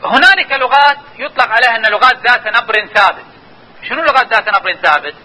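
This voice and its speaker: A man's voice: very high-pitched, lively intonation, fast, sharp tone, poor audio. A man giving a linguistics lesson, explaining patiently and telling listeners to watch and notice. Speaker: linguistics lecturer. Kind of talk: classroom lecture.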